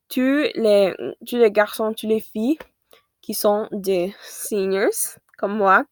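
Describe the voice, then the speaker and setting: A seventeen-year-old American woman talks casually to her viewers. Her native English shows in her accent, and she moves at a slow pace, often pausing to search for a word or correct herself. Her voice sits at an ordinary pitch in a dry, echo-free recording. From United States. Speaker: vlogger. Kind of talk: casual chat to viewers in a second language.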